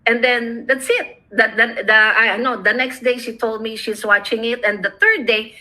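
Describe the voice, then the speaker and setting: A woman's voice: a little high, fairly even intonation, moderate pace, bright, forceful tone, rough recording. A middle-aged woman from the Philippines, hosting a casual chat over a video call, rambling and laughing often. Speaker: host.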